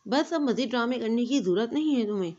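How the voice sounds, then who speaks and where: A woman's voice: a little high, lively intonation, lo-fi sound. A woman doing a harsh angry husband. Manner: shouting, harsh. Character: harsh angry young husband, cold and shouting.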